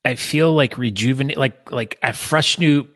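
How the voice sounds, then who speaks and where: A man's voice: medium pitch, moderate pace, a bit bright, no echo. A man from the United States co-hosting a podcast in casual chat. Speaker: podcast co-host. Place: makeshift home studio in a living room.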